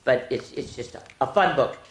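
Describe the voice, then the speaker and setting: Her voice is very deep and her pace normal as this older woman hosts a children's story time in a roomy, echoing space. Playful and folksy, she often breaks away from the picture book to chat directly with the kids.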